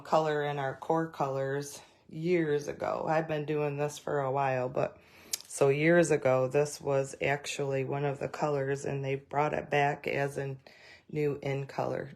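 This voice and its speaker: Woman, low voice, slow chatty craft demo, lots of fillers, greets viewers. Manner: rambling with many fillers and restarts. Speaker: craft demonstrator. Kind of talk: live craft demonstration.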